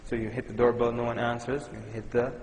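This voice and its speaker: A man's voice: medium pitch, flat delivery, fast, a little mellow. A man from Sudan giving a conversational, humorous Islamic lecture to a live audience. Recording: echoey hall with long reverb.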